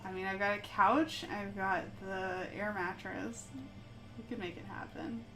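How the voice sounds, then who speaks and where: A woman hosts a relaxed live stream while she paints and chats with her viewers. She rambles, laughs often and takes her time, speaking at an unhurried pace. Soft music plays faintly behind her. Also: medium pitch.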